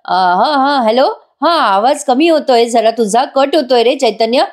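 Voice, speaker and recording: A woman's voice: on the high side, a little slow, natural voice. A woman voicing a young husband who pleads with his wife and scolds his friend. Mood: hurried.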